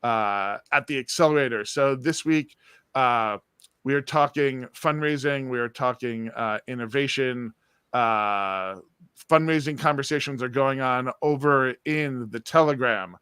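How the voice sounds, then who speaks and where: Bright, crisp-voiced man hosting a livestream. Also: mid-range voice, measured pace, no echo, clean studio sound. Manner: upbeat, many filler "uh"s. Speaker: host. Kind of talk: livestream session host.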